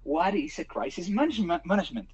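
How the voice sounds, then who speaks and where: Hesitant host with a Spanish accent. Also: male voice, sits high, big pitch swings, fast talker, husky, rough recording. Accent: Spanish-speaking. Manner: hesitant, many fillers and restarts. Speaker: podcast host, interviewer. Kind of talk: interview questions.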